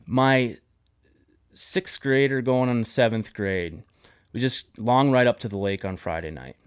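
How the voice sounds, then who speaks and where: Hosting a casual podcast conversation, a man tells a personal story in an earnest, heartfelt manner, often restarting sentences. His medium-pitched voice is clear and resonant, at a measured pace. It's studio quality with no room sound.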